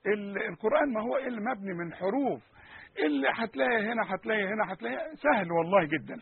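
Egyptian guy teaching quran pronunciation, high voice, tinny phone-ish dry sound. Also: quick pace, slightly rough, no echo. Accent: Egyptian Arabic. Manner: animated, repeats sounds and asks the listener questions.

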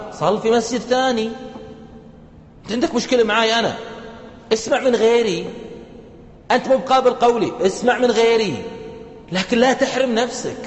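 A man with a Gulf Arabic accent giving a live sermon as a preacher and counselor, talking in a conversational way with rhetorical questions. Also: high voice. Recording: echoey hall.

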